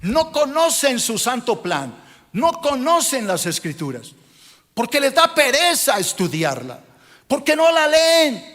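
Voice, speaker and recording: A man's voice: extremely high pitch, huge pitch swings, a little slow, fairly bright tone, in a large hall. A male pastor preaching a sermon, scolding and questioning his congregation in a rhetorical style.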